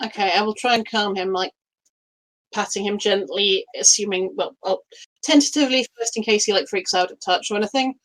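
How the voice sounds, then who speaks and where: A woman playing a tabletop game, speaking gently and thinking out loud as she acts out her character. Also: medium pitch, brisk, rough recording. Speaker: player. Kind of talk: tabletop role-play.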